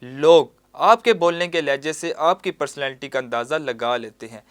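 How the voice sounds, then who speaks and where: A man's voice: on the high side, normal speed. A male news host runs a studio interview. He greets his guest formally and asks his questions in a composed, businesslike way. Between her answers he adds brief words of agreement. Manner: formal greeting, short affirmations.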